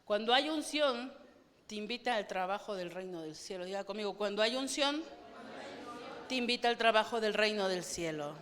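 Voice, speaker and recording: A woman's voice: medium pitch, animated, moderate pace, fairly bright tone. A woman pastor preaching a fervent sermon and asking the congregation questions. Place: church. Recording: long reverb of a church hall.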